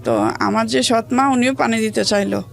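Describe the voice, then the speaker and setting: Soft music plays behind a Bangladeshi woman as she shares her life story as an interview guest, speaking in a halting, plain, colloquial way with a Bangladeshi accent. Her voice is a little high, swings widely in pitch, and has vocal fry.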